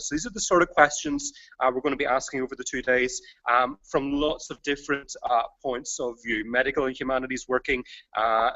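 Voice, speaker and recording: Bright-voiced man, halting academic talker. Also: mid-range voice. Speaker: conference organiser. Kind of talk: informal explanation. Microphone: video call. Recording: dull lo-fi video call audio.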